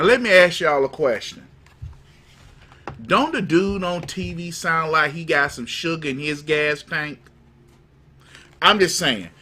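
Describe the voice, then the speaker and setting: Guy hosting a live commentary stream, slow and drawling, bright tense voice, pokes fun at the clips. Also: fairly high pitch. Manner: mocking, folksy, talks to his viewers. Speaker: livestream commentary host. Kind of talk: casual commentary over news clips.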